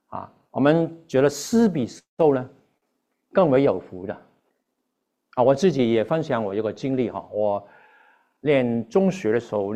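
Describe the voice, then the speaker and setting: A man preaching to a congregation. His voice sits at an ordinary male pitch, and he speaks earnestly, halting and restarting as he goes and slipping English terms into his sentences. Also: a little mellow. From Hong Kong. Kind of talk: sermon with personal testimony.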